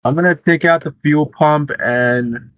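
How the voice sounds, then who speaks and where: A young man with a slightly high voice, host of a gaming channel, gives casual gameplay commentary on a car-building game, rambling loosely, talking a little slowly, and swearing casually. The recording is dry and close with no echo, and its tone is somewhat dull and muffled.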